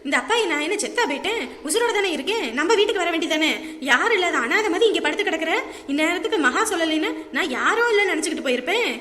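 A woman's voice: very high-pitched, expressive, very fast, pushed and bright, reverberant, long reverb tail, heavily acted. A woman playing an outspoken elderly village grandmother in a comedy skit, scolding and protective with emphatic calls. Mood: worried scolding.

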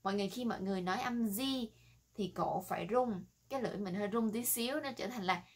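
A woman teaching a casual English lesson in a chatty way, often slowly repeating single words for practice. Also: mid-range voice, husky. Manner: often ends phrases with soft tags.

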